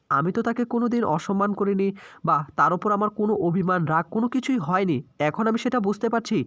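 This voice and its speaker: Narrator playing an angry young man, scolding, high voice, muffled recording. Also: fairly bright tone, dry recording. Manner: indignant, scolding. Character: angry young man defending his family.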